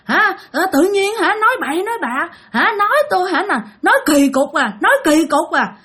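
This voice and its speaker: A woman's voice: very high voice, lively intonation, brisk, pushed and bright, voice pushed up, full character voice. A woman voicing a drunk, possessed middle-aged father who rambles in slurred repetitions. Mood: angry, accusing.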